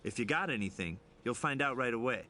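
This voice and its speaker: Bright, cocky American lab tech. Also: male voice, medium pitch, expressive, brisk, slight background noise. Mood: breezy, welcoming. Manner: breezy, wisecracking. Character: cocky, friendly young male lab tech. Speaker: crime lab technician character. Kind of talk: scripted video game dialogue.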